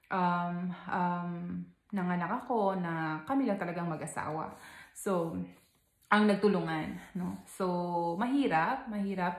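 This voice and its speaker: A young Filipino woman from the Philippines, speaking with a Filipino accent, vlogs from her home in Texas. Her voice is lowish and creaky, heard in an echoey room. She gives casual advice, chatty and full of laughs and fillers.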